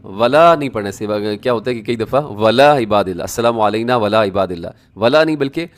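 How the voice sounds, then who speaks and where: A man teaching prayer recitation as a religious teacher, chanting each phrase slowly and drawn out, then explaining his corrections briskly. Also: lowish voice.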